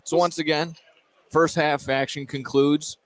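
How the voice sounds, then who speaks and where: Here the American man doing live basketball play-by-play has a slightly high voice with little pitch movement, speaking a little slowly. A crowd can be heard in the background, with noisy ambience from the indoor gym behind his broadcast commentary.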